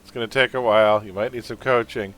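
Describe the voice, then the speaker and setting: A man's voice: lowish voice, fairly even intonation, fast, fairly bright tone, smooth. A man hosting a trivia quiz on a livestream, reading questions and making sarcastic jokes between them.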